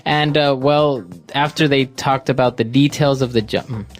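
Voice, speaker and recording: Calm man from Ecuador teaching English. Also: mid-range voice, moderate pace, soft background music. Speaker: co-host. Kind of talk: English lesson podcast.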